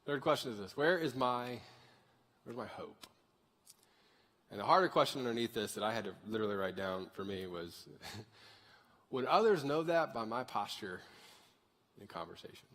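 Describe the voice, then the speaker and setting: In a large church sanctuary full of long reverb, a thirty-year-old male pastor delivers a conversational sermon and asks the congregation to raise their hands. His mid-range voice is expressive and a little bright, running at normal speed with many pauses.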